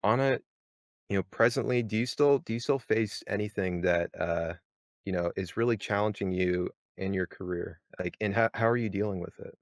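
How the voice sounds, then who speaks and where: Deep guy hosting a podcast, lots of you knows and restarts, dry mic. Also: normal speed, no echo. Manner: rambling, many fillers and restarts. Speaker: podcast moderator. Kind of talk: casual podcast chat.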